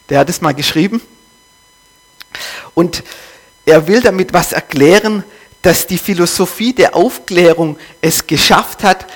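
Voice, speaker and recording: A man preaching a sermon, putting rhetorical questions to the congregation. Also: high-pitched.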